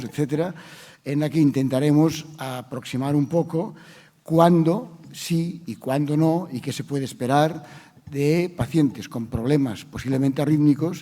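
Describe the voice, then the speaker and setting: A man with a Spanish accent moderating a medical conference session, measured with frequent fillers. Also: medium pitch, dark tone. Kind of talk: conference introduction. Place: conference hall. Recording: long hall reverb.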